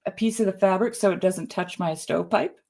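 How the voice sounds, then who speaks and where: A Canadian podcast co-host with a warm, medium-pitched voice and vocal fry talks a little fast. Chatting casually, she tells a rambling personal tale, laughing frequently and often starting over.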